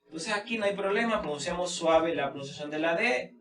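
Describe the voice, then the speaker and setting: A man with a slightly high voice gives an informal pronunciation lesson, talking slowly with lots of fillers and repeating the example words. He sounds set back from the mic in an echoey room. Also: animated, recorded from a distance, crowd noise. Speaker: English pronunciation teacher.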